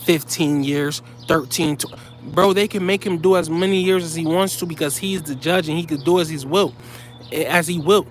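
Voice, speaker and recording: A man's voice: on the high side, normal speed, a little hiss or hum. A man delivering heated, profane commentary straight to his viewers, blunt and scolding.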